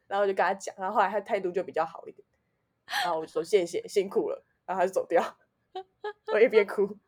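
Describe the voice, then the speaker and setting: A woman with a Taiwanese Mandarin accent tells a personal story at a quick clip. She is animated, jumping from loud outbursts to low muttering. Her pitch sits in the middle of the female range. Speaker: podcast co-host. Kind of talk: casual chat, personal storytelling.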